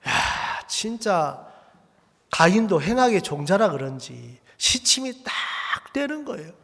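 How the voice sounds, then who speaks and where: A male pastor preaching a Sunday sermon, animated, firing rhetorical questions at the congregation and acting out quoted voices. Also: high-pitched. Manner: acts out quoted voices in a raised, slowed delivery. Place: church sanctuary. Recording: long hall reverb.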